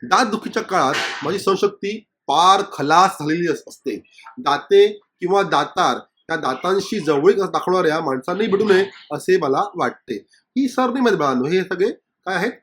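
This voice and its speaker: A man's voice: high-pitched, lively intonation, normal speed, a bit bright. A male teacher explaining a Marathi textbook lesson, reading passages aloud and acting out the dialogue lines.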